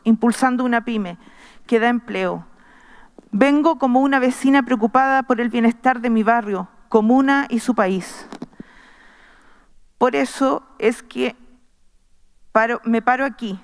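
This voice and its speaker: A middle-aged woman reads an earnest, measured formal speech from notes at a podium microphone in a large wood-panelled assembly hall. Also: on the high side, smooth. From Chile. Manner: earnest, measured, reading from notes with small restarts. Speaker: constitutional convention member. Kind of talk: formal speech read from paper. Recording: long reverb of a large hall.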